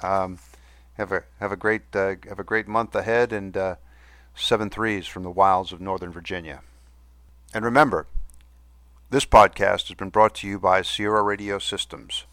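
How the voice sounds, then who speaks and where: A man hosting a podcast in a casual, halting, good-humoured monologue, with a whistle on his S sounds. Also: low voice, steady tone, fairly bright tone, no echo. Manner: halting, with good-humoured self-deprecating asides. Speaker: podcast host. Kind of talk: casual monologue reading listener mail.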